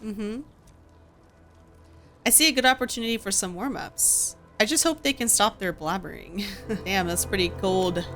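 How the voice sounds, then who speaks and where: A woman streamer giving casual game commentary, excitable and giggly, gushing over what she sees. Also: medium pitch, moderate pace, soft background music. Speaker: gaming streamer.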